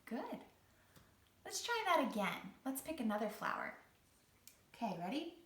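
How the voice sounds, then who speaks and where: Speaking at a normal pace with a fairly high, sing-song voice, a female read-along host and teaching artist tells a story and guides an exercise for young children. Her delivery is theatrical, encouraging, and carefully phrased, captured from a distance with a roomy echo.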